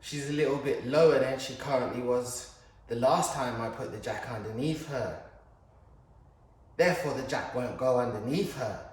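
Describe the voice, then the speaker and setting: A man doing casual, self-mocking narration as he services his car, talking himself through each step. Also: medium pitch. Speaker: home mechanic. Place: garage or workshop. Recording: very echoey, distant from the mic, faint ambience.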